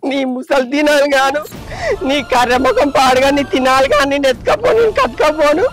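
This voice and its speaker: A man's voice: very high voice, brisk, low-quality recording. A man with a Telangana accent playing a young village wife who fights back against her mother-in-law with curses and complaints. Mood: defiant. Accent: Telangana Telugu. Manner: defiant, cursing, complaining. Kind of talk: village comedy skit acting.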